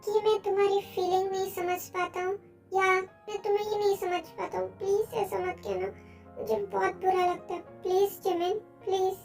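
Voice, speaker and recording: A woman's voice: very high voice, level tone, moderate pace, gravelly, darkish tone, far from the mic, soft background music, voice pushed up. A woman voicing a possessive, pleading young man in a fan audio drama, speaking emotionally.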